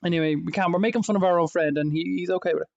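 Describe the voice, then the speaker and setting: A man's voice: a little high, fairly even intonation, rapid-fire, gravelly, no room sound, muffled recording. A man co-hosting a casual gaming podcast, swearing, laughing and rambling through banter. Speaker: co-host.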